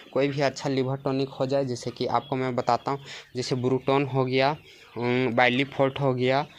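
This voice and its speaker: A man's voice: on the high side, a bit bright, slight background noise. A male poultry farmer giving an informal tour of his farm shed with casual advice, often checking in with listeners. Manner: casual, repeats "है ना" and "देखिए". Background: chickens clucking.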